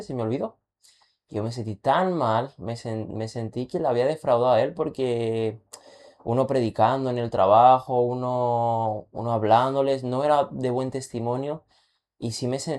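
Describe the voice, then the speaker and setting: A man's voice: mid-range voice, darkish tone. A man on a faith podcast sharing a testimony with fervor and urging the listener directly. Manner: fervent, exhorts the listener directly. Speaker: podcast co-host.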